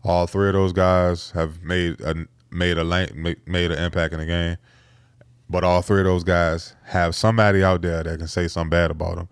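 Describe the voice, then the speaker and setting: A man co-hosting a podcast, calmly summing up and giving respect before his pick. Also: sits low, normal speed, clean tone, no room sound, clean studio sound. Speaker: podcast co-host. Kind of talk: casual debate.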